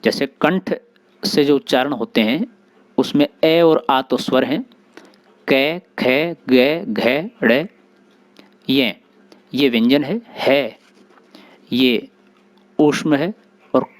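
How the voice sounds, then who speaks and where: A man teaching grammar, explaining slowly and sounding out letters one by one, with short recited rules between them. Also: medium pitch. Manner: slow, deliberate, spelling out sounds one by one. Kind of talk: explanatory lesson.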